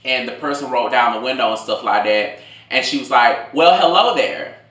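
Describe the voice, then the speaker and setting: A man in his late twenties telling a casual, rambling story in slangy, animated talk as a food vlogger. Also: medium pitch, a little fast. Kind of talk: casual storytime told over a meal. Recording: echoey room.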